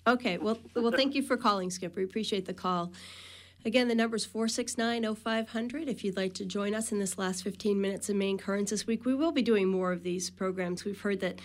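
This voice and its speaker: A woman hosting a radio call-in program, taking callers and moderating guests. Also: mid-range voice. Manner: brisk, fast-paced moderating.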